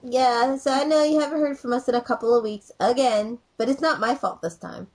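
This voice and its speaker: A woman's voice: on the high side, fairly quick, a little mellow. A woman co-hosting a podcast in casual banter, playfully contrary and a little whiny, slightly under the weather. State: mildly sick. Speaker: podcast co-host. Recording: music playing behind the voice.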